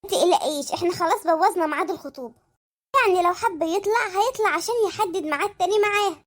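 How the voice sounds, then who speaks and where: A very high sped-up voice playing a clever young son in a comic cartoon, with an Egyptian accent and a reassuring manner. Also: fairly bright tone. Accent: Egyptian Arabic. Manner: reassuring, quick.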